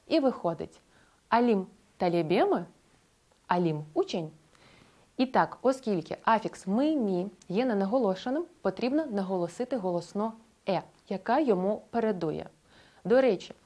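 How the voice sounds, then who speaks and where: A woman's voice: mid-range voice, dark tone. Woman narrating a scripted language lesson. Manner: clear, explanatory, slows down to model example phrases. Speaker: language teacher.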